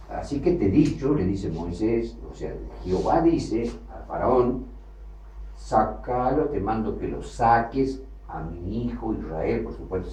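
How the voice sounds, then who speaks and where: A man's voice: lowish voice, dark tone. A man teaching a sermon on the Bible, building his points through repeated phrases and rising emphasis. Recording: distant, roomy, dull lo-fi with faint hiss.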